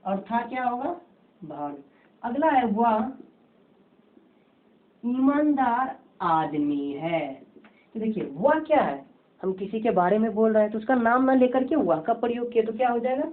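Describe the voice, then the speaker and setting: A woman's voice: on the high side, expressive, normal speed. A woman teaching a grammar lesson, who keeps asking questions and answering them herself in a repetitive, drilling way. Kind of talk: home-tuition grammar lesson. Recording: tinny phone-like lo-fi audio.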